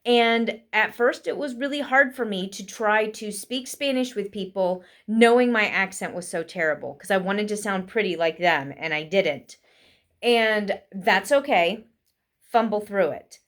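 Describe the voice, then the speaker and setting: A woman talks quickly and casually, giving tips to people learning English. Her delivery is chatty and full of fillers, as in an easygoing vlog. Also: mid-range voice, fairly bright tone. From United States. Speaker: vlogger teaching English learners. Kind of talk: casual spoken lesson.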